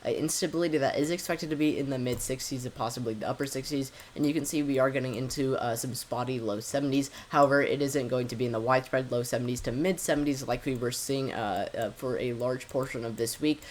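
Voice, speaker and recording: A man hosting his own weather forecast, talking through model maps with frequent pauses and filler words. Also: mid-range voice, slight background noise. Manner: hesitant, frequent "uh" fillers and self-corrections. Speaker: amateur weather forecaster, channel host.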